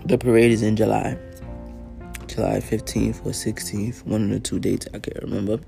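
A man hosting his own show, telling a personal story in an earnest, casual way, often clearing his throat and using fillers, sounding a little tired. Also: lowish voice, flat delivery, moderate pace, warm tone, soft background music. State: tired, yawning. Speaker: podcast host.

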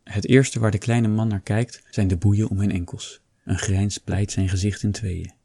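A man narrating in a low, husky voice with a dark, mellow tone. He reads a first-person story steadily, and the close, dry recording leaves no room sound. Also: flat delivery, normal speed, dry recording. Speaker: audiobook reader.

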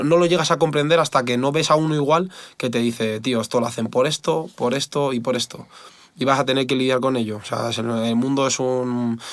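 Man, fighter guest, blunt casual talk, dry close sound, middle pitch. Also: fairly bright tone, no echo. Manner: candid and blunt, swears often, says "tío" and "¿sabes?" a lot. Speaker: MMA fighter, podcast guest.

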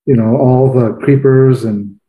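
A man's voice: mid-range voice, steady tone, unhurried, reverberant, phone-quality sound. A man co-hosting a podcast, chatting casually about a movie and asking the others questions. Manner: easygoing, asks the others questions. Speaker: podcast co-host. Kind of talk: casual movie review chat.

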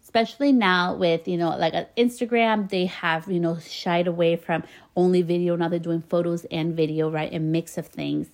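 A woman hosts a podcast, delivering a casual motivational monologue in an encouraging tone, with occasional laughs between phrases. She has a slight Spanish-influenced accent, and her fairly low voice keeps a steady tone at a moderate pace.

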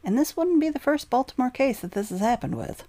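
A woman giving scripted true crime narration in an emphatic, expressive way. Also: sits high, brisk, no room sound.

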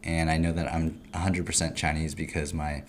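A man's voice: a bass voice, flat delivery. A young man from California, a podcast guest, chatting casually with lots of ums and likes. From California, USA. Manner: halting, laughing, full of ums and likes. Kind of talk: casual chat.

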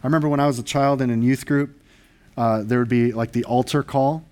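A man's voice: mid-range voice, steady tone, a little fast, darkish tone. A male pastor preaching a sermon, earnest and emphatic, asking the congregation rhetorical questions.

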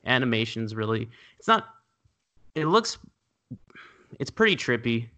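A man co-hosting a casual podcast, relaxed and loosely searching for words as he describes films. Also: medium pitch, a little slow. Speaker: podcast co-host. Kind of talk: casual chat.

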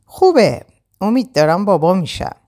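A woman's voice: medium pitch, big pitch swings, warm tone, pitched above the performer's own voice. Woman reading young man, gloomy, sighing, downcast. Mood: sad.

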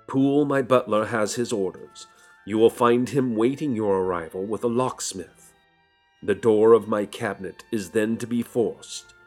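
Man reading as a frantic Victorian gentleman doctor, emphatic, fairly low-pitched. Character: desperate Victorian male doctor, pleading urgently.

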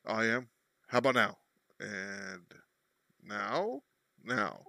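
A man talking casually as a tabletop game player over a bad internet voice call, his voice glitching and robotic with sudden pitch jumps. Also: big pitch swings, extremely slow, gravelly, pushed and bright. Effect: glitchy robotic voice-call dropouts with pitch jumps. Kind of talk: casual online game chat.

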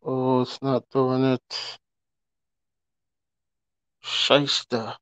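A man's voice: medium pitch, level tone, very slow, a bit bright, smooth, no echo. Emphatic man ranting on a stream. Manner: emphatic, repeats points, asks rhetorical questions. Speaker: podcast host. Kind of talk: casual live-stream rant. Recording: dry, dull lo-fi audio.

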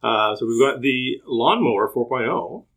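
A man's voice: mid-range voice, expressive, normal speed, a bit bright. A man co-hosting a podcast, joking and laughing his way through a sponsor read. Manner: jokey, laughs during sponsor reads. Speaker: podcast co-host. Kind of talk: casual podcast chat.

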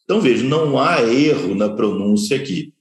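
A man teaching a scripture study class, explaining terms slowly and repeating key words while pointing at slides. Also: medium pitch, lively intonation. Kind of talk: slow explanatory lecture. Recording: echoey room.

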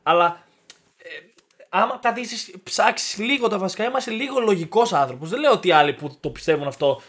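A man's voice: sits high, expressive, fairly bright tone. A young man co-hosting a podcast in casual chat, explaining his views earnestly and patiently. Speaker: podcast co-host.

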